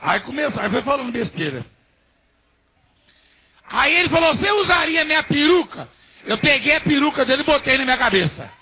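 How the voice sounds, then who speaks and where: A middle-aged Brazilian man preaches in a very high, husky voice with a bright, sharp edge. He tells stories from the pulpit, quizzes the congregation, and swings from hushed asides to shouting. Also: very animated, brisk, long pauses. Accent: Brazilian Portuguese. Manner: rhetorical questions to the congregation. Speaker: pastor. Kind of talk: sermon with personal anecdotes.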